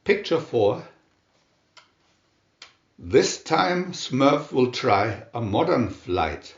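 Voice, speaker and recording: Reading a children's storybook aloud, a man with a mid-range voice goes very slowly, lingering deliberately on each phrase. His intonation swings up and down in a lively, expressive manner. The audio is a little muffled, as if captured in a reverberant room.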